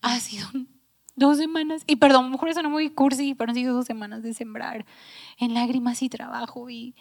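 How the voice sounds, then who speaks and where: A woman's voice: fairly high pitch, steady tone, a little fast. A woman, a church worship singer, tells a heartfelt personal testimony in casual talk among church staff, sometimes dropping to a near whisper. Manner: emotional storytelling, drops to near whisper at times.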